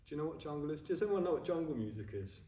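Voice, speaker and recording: A man's voice: on the high side, very animated, racing, warm tone. Chatty man in his forties, echoey room. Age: 40s. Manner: chatty and self-mocking, keeps checking in with "yeah?". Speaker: ordained Buddhist speaker giving a talk. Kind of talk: informal dharma talk to a group. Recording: roomy echo, voice from a distance.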